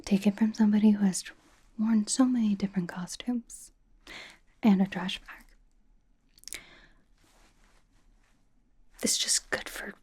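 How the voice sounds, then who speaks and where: A woman whispers breathily at a medium pitch, portraying a vain, sassy young K-pop star doting on a fan for ASMR. She speaks slowly with long pauses, her teasing, deadpan tone sounding mock exasperated.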